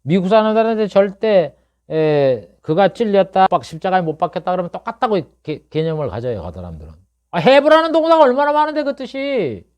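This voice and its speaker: A middle-aged man preaching an expository sermon as pastor, talking conversationally with many rhetorical questions and swinging between low murmurs and loud, emphatic bursts.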